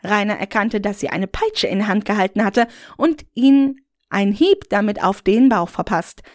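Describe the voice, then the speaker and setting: A woman reading a story aloud in a flat, unhurried amateur style. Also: mid-range voice, no echo, clean studio sound. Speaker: story reader.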